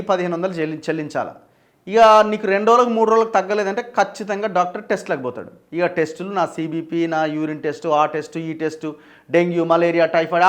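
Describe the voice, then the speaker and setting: A man with a Telangana Telugu accent delivers news commentary with a raised, fairly high voice. He sounds urgent and critical, piling up lists of items and pressing sharp questions as a journalist hosting his own channel.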